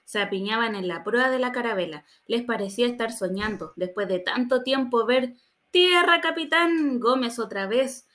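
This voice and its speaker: A woman reads a children's audiobook aloud. She tells the story plainly in a boy's first-person voice. Her voice sits a little high. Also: normal speed, hardly any pauses. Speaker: audiobook reader.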